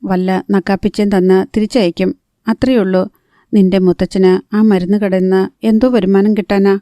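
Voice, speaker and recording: A woman's voice: mid-range voice, level tone, moderate pace, warm tone, dry recording, lightly acted. A woman reading the part of an irritable, sarcastic young man who craves a smoke, in a blunt, grumbling way.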